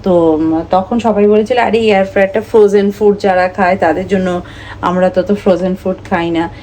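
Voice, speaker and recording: A woman in her thirties with a Bengali accent talks easily to her viewers as she goes about the cooking. Her tone is chatty and relaxed, and she slips English words into her speech. Faint household noise sits behind her. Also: medium pitch, brisk. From India. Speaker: family vlogger. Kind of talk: casual vlog narration.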